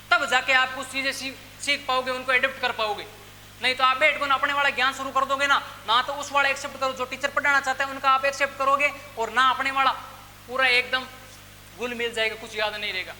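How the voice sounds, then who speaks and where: In an echoey room with faint background noise, a male English teacher speaks in a very high-pitched voice that sounds pushed and bright. With his Rajasthani Hindi accent, he lectures on grammar to the class, posing questions he answers himself and addressing listeners as brother.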